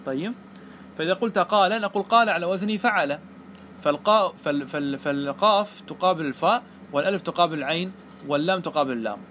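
A man's voice: a little high, fast talker, a bit bright, a little hiss or hum. A man teaching Arabic grammar, explaining a classical poem line by line, patient, repeating his points and checking that the students follow.

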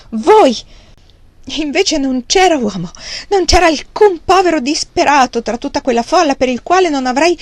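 A woman's voice: a little mellow, no room sound, lightly acted. A woman reading as a proud, indignant young lady. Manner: raised pitch, tearful indignation.

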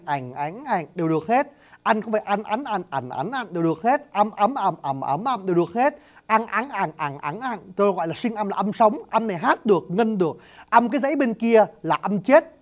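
A man teaching speech sounds in a spoken lecture, talking quickly. He addresses his audience formally and says each example sound out loud as he goes. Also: high voice. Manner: addresses listeners formally, demonstrates sounds aloud. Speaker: teacher of Vietnamese phonetics.

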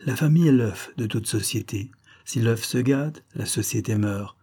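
A man reading a classic adventure novel aloud in a measured, expressive way. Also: medium pitch. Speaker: audiobook reader. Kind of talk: audiobook narration of a classic novel.

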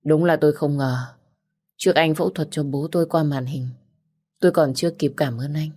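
An anxious young son pleads with emotion in an audiobook, voiced by a woman narrator. The voice stays low in pitch. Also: fairly even intonation, a little fast, a little mellow, slightly rough. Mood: urgent. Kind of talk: audiobook character reading.

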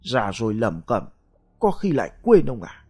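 A man's voice: medium pitch, huge pitch swings, moderate pace, warm tone, husky, full character voice. A man doing a sly old grandmother. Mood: feigning. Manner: feigned puzzlement, wheedling.

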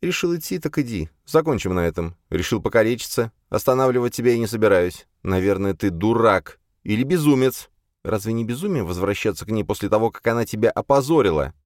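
A man's voice: lowish voice, expressive, brisk, no echo, studio quality, pitched above the performer's own voice, lightly acted. A man doing a furious, scornful house mistress. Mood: bitter. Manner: shouting, bitter, scornful. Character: furious jealous older woman, house mistress.

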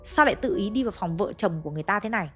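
A woman's voice: mid-range voice, lively intonation, rapid-fire, husky, soft background music. A woman voicing a frightened husband in a ghost story. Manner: pleading, shaken. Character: frightened husband waking from a nightmare.

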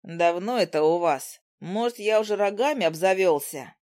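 A woman's voice: on the low side, animated, normal speed, a little mellow, dry recording, studio quality, close to an everyday voice. A woman voicing a jealous, hot-headed young man who jeers sarcastically. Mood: sarcastic. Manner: sarcastic, jeering.

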